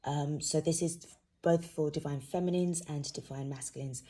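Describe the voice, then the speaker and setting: A woman with a low, mellow voice speaks as if half asleep. She hosts an informal card reading, wandering haltingly from thought to thought, with a distinctly husky tone. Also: steady tone. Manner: sleepy, drowsy. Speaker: host, intuitive card reader.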